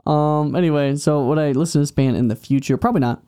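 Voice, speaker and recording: A man's voice: on the high side, fast, dark tone, clear, resonant tone. A young man co-hosting a music podcast, chatty and casual, full of ums and likes. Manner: chatty, laughs often, lots of fillers like um and like. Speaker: podcast co-host. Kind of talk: casual chat about music.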